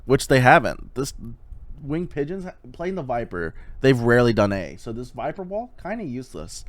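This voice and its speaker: Male esports analyst, casual, animated, swings his pitch around, easygoing delivery. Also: moderate pace, no room sound. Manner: lively, conversational, swears casually. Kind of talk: casual game analysis commentary.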